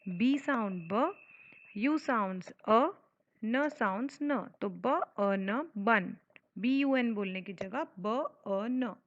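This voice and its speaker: A woman teaching children to read, sounding out simple words slowly letter by letter in a phonics lesson. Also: on the high side, no room sound. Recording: dull lo-fi sound.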